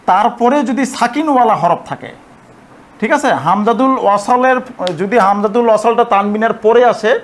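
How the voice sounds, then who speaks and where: A high-pitched man gives an explanatory lesson on Arabic grammar, moving patiently one step at a time. He goes over points again, checks that people are keeping up, and slows to break the Arabic examples into syllables.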